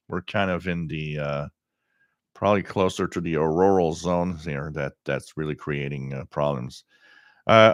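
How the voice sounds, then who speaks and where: A middle-aged man hosting a casual live stream, talking in a halting way with frequent pauses as he reads out viewer comments. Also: low-pitched, a bit bright, no echo, studio quality. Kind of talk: casual live stream chat about radio.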